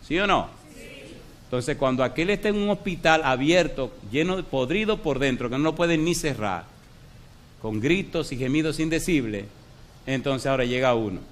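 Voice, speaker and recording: A man's voice: medium pitch, animated, normal speed. A middle-aged man preaching a sermon as a pastor, who tells stories with acted dialogue and keeps asking the congregation questions.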